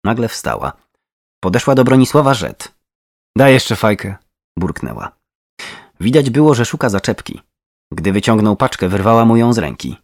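A man's voice: mid-range voice, very animated, brisk, dry recording, studio quality. A man narrating a true crime story in a tense, dramatic way.

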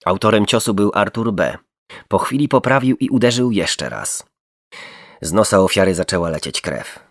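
A man's voice: fairly low pitch, lively intonation, normal speed, no echo, clean studio sound. A man narrating a true crime story dramatically. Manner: dramatic, shifts tone for quoted speech.

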